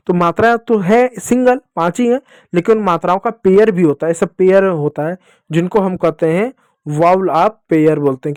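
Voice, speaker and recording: A man's voice: high-pitched, a little mellow, no echo, studio quality. A man teaching children English phonics, speaking to them directly and answering his own questions as he writes words out. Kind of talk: classroom lesson explaining phonics.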